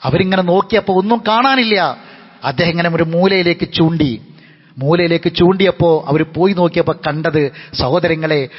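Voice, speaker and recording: A man with a Malabar Malayalam accent giving a Friday sermon, impassioned, repeating phrases and chanting verses, his voice swinging between high emphatic lines and low quiet ones. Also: normal speed. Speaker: preacher. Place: mosque hall. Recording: long mosque reverb, dull lo-fi sound.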